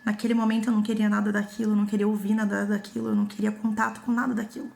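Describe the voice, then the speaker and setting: Earnest Brazilian woman with a gravelly edge. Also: medium pitch, flat delivery, rapid-fire, a little mellow. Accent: Brazilian Portuguese. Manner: earnest and emotional, repeats phrases for emphasis. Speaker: psychologist sharing her own story. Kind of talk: personal testimony vlog.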